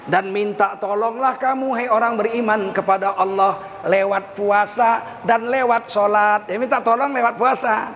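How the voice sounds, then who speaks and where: An older man preaching a sermon, telling stories from his childhood with lively quoted dialogue. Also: sits high, normal speed, few pauses, in a large hall, slight background noise. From Indonesia. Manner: animated storytelling with quoted dialogue.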